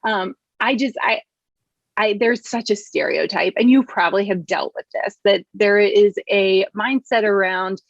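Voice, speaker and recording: A woman's voice: mid-range voice, measured pace, creaky, dry recording, lo-fi sound. A woman hosting a podcast, earnest and upbeat as she introduces her topic and guest. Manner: earnest, upbeat, frequent laughs. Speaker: podcast host. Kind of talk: casual podcast interview.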